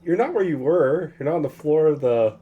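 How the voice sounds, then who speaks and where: A man narrating a casual tabletop roleplaying game as game master, in an animated way. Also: fairly high pitch, fairly quick, narrow, tinny audio, a little hiss or hum.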